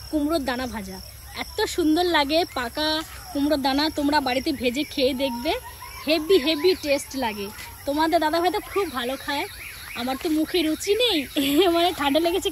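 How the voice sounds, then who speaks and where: Village woman vlogging on her phone walking home, high voice, sore throat and cough, chatty, faint crickets around. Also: a little hiss or hum. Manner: chatty, speaks straight to viewers and acts out family dialogue. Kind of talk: casual chat to viewers while walking.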